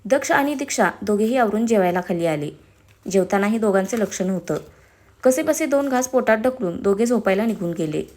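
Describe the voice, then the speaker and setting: A woman with a Marathi accent reading a dramatic story aloud, expressive in her narration. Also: mid-range voice, fairly quick.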